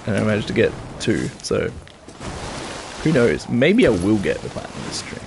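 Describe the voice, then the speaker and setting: A man talks through a game in a stuffy, nasal voice with a gravelly edge. His pitch swings a lot as he mutters, swears and narrates to himself. The recording is a livestream mic with clear background noise. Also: wildly swooping pitch, moderate pace. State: congested, talking through his nose. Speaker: streamer. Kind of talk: casual gameplay commentary.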